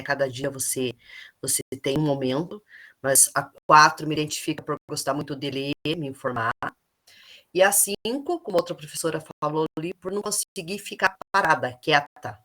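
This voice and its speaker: Woman, Brazilian Portuguese accent, very low voice, calm, reflective. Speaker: teacher introducing herself. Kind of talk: online class introduction.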